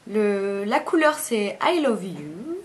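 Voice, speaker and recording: A woman's voice: medium pitch, very animated, slow pace. A woman, chatting casually through a makeup review, rambling and often correcting herself mid-sentence. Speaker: beauty vlogger.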